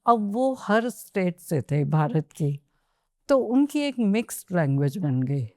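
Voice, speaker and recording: A woman guest on a podcast interview, telling her story at an unhurried pace and slipping English phrases into her Hindi. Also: fairly low pitch, warm tone, no room sound, clean studio sound.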